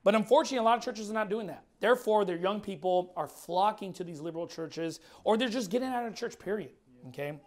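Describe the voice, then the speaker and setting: A pastor in his thirties delivers a fiery, blunt sermon in church, his voice giving out as he goes. His pitch sits high and he talks fast, emphatic and repeating words.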